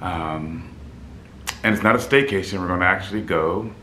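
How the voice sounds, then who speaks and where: A flight attendant vlogger in his fifties chats upbeat to camera from his apartment room by a city window, laughing easily. His deep baritone is slightly scratchy in the throat, pushed and bright, at a moderate pace, and the room echoes.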